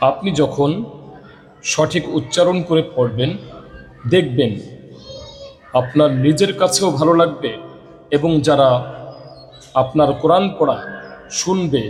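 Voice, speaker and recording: A man teaching Quran reading, explaining rules step by step and reciting verses slowly, repeating each rule. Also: fairly high pitch, a little mellow, poor audio. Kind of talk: slow, repetitive recitation lesson.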